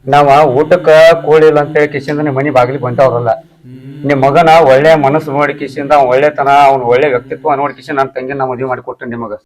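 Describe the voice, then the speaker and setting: An actor playing an indignant elder brother of the bride with a North Karnataka accent. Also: male voice, mid-range voice, fairly even intonation, close to an everyday voice, rough recording. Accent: North Karnataka Kannada. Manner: indignant, rapid.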